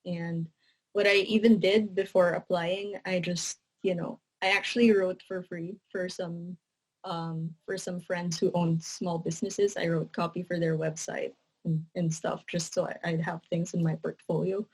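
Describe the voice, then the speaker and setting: A young adult woman from the Philippines, a writer and content editor, answers interview questions casually about her writing career in Filipino-accented English. Her lowish voice is slightly rough and measured, relaxed and earnest, and she says "you know" often. The recording quality is low.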